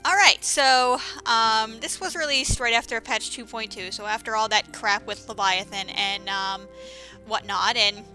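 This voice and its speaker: A woman's voice: a little high, unhurried, sharp tone, faint music behind. A woman giving casual, rambling commentary over a game playthrough, with many fillers and restarts. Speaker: let's-play commentator.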